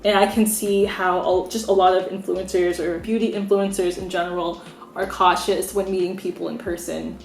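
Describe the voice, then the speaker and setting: Faint music plays behind a young American beauty vlogger whose fairly low, gravelly voice comes across flat at a moderate pace. In this candid opinion vlog she's frank and opinionated, talking conversationally with many "like"s, and the room gives the audio an echo.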